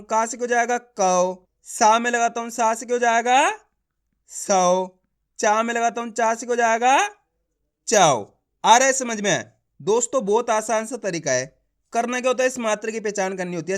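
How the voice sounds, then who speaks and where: A man with a voice that sits high teaches an online reading lesson, spelling words out slowly syllable by syllable and frequently checking that the learner is following.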